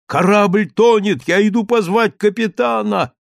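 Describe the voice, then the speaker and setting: A crazed old lighthouse keeper, played by a man in a storybook reading, mutters and bellows wild orders as though aboard a sinking ship. His voice is gravelly and dry. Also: high voice, unhurried, no echo, pitched above the performer's own voice. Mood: raving shout. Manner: mutters, then shouts frantic sea commands. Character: old male lighthouse keeper, delirious and raving.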